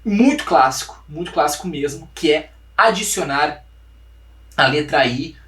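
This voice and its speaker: A man's voice: on the high side, animated, a little slow, a bit bright, distant mic. Brazilian male teacher, patient drill-style delivery, echoey room, set back from the mic. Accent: Brazilian Portuguese. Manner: explains patiently, models words for students to repeat. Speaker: English pronunciation teacher. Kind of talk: online class lesson.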